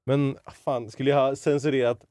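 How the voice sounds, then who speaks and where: A man's voice: mid-range voice, level tone, warm tone, no room sound, clean studio sound. A young man co-hosting a Swedish podcast, chatting casually and loosely with lots of fillers. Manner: loose, filler-heavy, joking. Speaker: podcast co-host running a segment.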